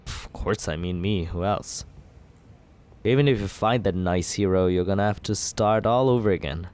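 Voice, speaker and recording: A man plays a villain in an ASMR roleplay, speaking smoothly and persuasively with a teasing, flirtatious edge. His voice is deep and darkish in tone, at normal speed.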